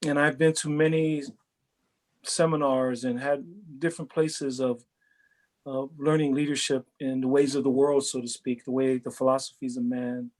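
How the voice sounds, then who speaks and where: A middle-aged man from Hawaii, a football coach, talks through his answers in an interview. His voice sits at an ordinary pitch, and his manner is earnest and reflective, repeating words as he gathers his thoughts. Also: level tone, normal speed. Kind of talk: interview answers, casual chat.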